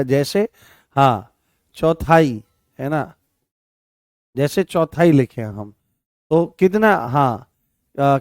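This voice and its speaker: A man's voice: on the high side, darkish tone, no room sound, studio quality. A man teaching a Hindi grammar class, repeating phrases, correcting himself and asking questions he then answers. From Rajasthan. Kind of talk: online exam-prep class.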